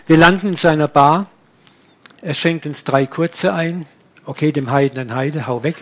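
A man preaching, telling a personal testimony in a lively storytelling manner. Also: on the high side, moderate pace, a little hiss or hum. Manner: animated storytelling, acting out dialogue.

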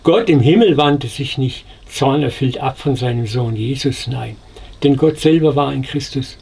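A man's voice: mid-range voice, moderate pace, creaky, darkish tone, husky. A man preaching a devotional sermon, earnest and consoling, speaking straight to the listener.

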